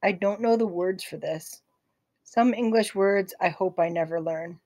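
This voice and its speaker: A woman narrating a novel in the first person, calm, gentle and reflective. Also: mid-range voice, unhurried, dry recording, clean studio sound. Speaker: audiobook narrator.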